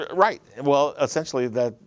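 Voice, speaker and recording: Here a Michigan-accented writer and producer in his fifties, from Michigan, USA, spins stories as an interview guest. His medium-pitched voice goes slowly, with no echo, and the chat stays relaxed and casual.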